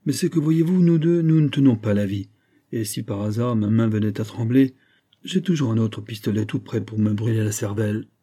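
A man's voice: on the low side, fairly quick, dark tone, lightly acted. A man reading the part of a grieving old gunsmith who confides his sorrow in an emotional, storytelling way. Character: grieving old Genevan gunsmith, tender, despairing.

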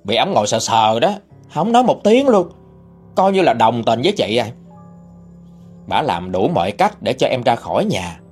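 Expressive male storyteller. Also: medium pitch, moderate pace, slightly rough, faint music behind. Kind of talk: first-person storytelling narration.

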